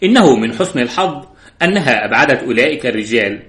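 A man's voice: medium pitch, animated, quick pace, fairly bright tone, faint music behind. Man narrating a story in a roomy space. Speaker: audiobook narrator. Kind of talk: scripted narration. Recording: roomy echo.

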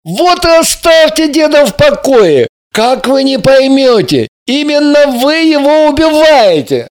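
A woman's voice: high-pitched, big pitch swings, unhurried, darkish tone, voice pushed up. A woman voicing a brash, sardonic young man in an audiobook, blunt and mocking. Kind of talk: audiobook character voice.

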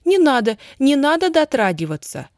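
A woman voicing a lively, quick-witted teenage girl who exclaims in a high voice. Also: dry recording, clean studio sound. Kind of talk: audiobook character reading.

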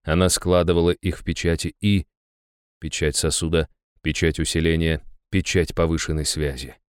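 A man narrating a first-person fantasy audiobook in an even, measured way, close to the mic. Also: extremely low pitch, clear, resonant tone, no room sound.

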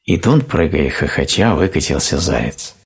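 A man reading a fairy tale aloud in a slow, gentle, calm storybook narration. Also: extremely low pitch, gravelly, breathy edge.

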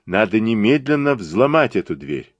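Brief: man reading as a fastidious elderly detective in a storybook, low-pitched and clipped. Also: very animated, no echo, dull audio. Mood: urgent. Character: fastidious elderly male detective, terse and commanding.

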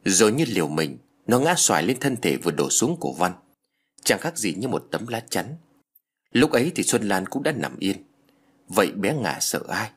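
A man narrating a ghost story with a dramatic, expressive reading. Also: fairly low pitch, normal speed, husky.

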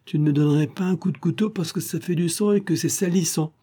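A man's voice: fairly high pitch, quick pace, dark tone, voice pushed up, lightly acted. A man voicing a cocky young male street sleuth who taunts his captive. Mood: taunting. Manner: taunting, teasing.

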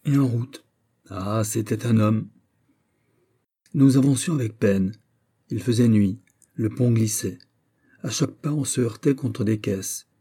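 Guy reading an old novel out loud, really dark husky voice, gets lively on the exclamations. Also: fairly low pitch, a little slow, long pauses. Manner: expressive, lifts his voice on exclamations. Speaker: narrator. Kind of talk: audiobook reading of a classic novel.

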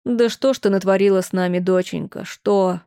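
A woman's voice: medium pitch, steady tone, normal speed, mellow, close to an everyday voice. A woman voicing a distraught middle-aged mother who wails and scolds, then gives hard, clipped orders. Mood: lamenting. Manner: lamenting, reproachful, clipped orders. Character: older mother, shrill, wailing, then stern.

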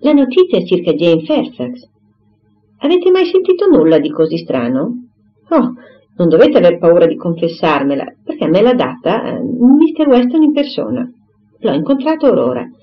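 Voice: medium pitch, very animated, normal speed, natural voice. A reader voicing Harriet, an eager young woman. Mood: excited. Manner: breathless, exclaiming. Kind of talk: audiobook character reading. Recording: slightly dull recording, faint hiss.

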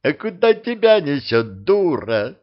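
A man voicing an angry, quarrelsome count who shouts in a raised, high voice. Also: big pitch swings, unhurried, highs cut off. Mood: angry shouting.

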